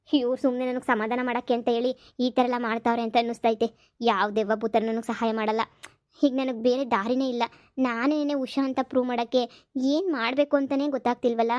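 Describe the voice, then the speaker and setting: Woman voicing a troubled young woman, cartoon, high voice, dry close sound. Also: darkish tone, no room sound, lightly acted. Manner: complaining, resigned. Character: troubled young woman, sad and self-pitying.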